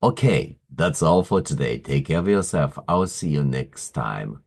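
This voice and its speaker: A man teaching English idioms in a slow, explanatory lesson, pausing often with "uh" as he works through examples. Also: a bass voice, big pitch swings, creaky, a little mellow, poor audio. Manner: deliberate, pausing, frequent "uh" fillers.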